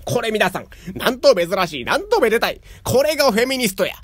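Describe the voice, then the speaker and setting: A boisterous young family head with a Kansai accent proclaims to the crowd in a raised, bright voice, as a man puts him on in a storybook reading. The delivery is loud and showy, recorded dry and close. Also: high-pitched, quick pace, no echo, pitched above the performer's own voice, lightly acted. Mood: exultant. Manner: boisterous, announcing. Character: cheerful young head of a household, showman.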